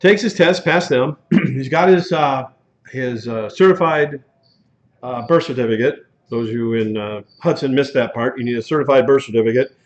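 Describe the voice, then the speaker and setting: A man's voice: medium pitch, normal speed. A man teaching a truck driving class in a conversational lecture style, telling cautionary stories and acting out the dialogue in them. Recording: dull lo-fi classroom recording.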